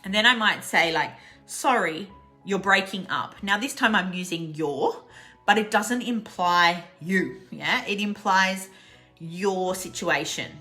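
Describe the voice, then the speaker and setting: Bright-voiced Australian woman teaching English. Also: lowish voice, soft background music. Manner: chatty, laughs often, repeats example phrases slowly. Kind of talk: casual online English lesson.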